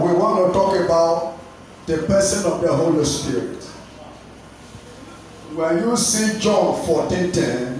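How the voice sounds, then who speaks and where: A young Nigerian man preaching in a big tiled church hall, speaking slowly and deliberately over a handheld mic. The sound is boomy with heavy reverb, and the phone catching it sits well back in the room. His questions to the congregation rise into call-and-response. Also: a little mellow, a little hiss or hum. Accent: Nigerian English. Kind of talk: sermon. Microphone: handheld microphone. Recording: echoey hall filmed from a distance.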